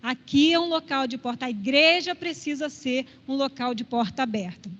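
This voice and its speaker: A woman's voice: sits high, normal speed, a bit bright. A woman with a Brazilian Portuguese accent teaches a church Bible class in a conversational way, often checking in with her listeners. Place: church hall. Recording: reverberant hall, slightly dull sound.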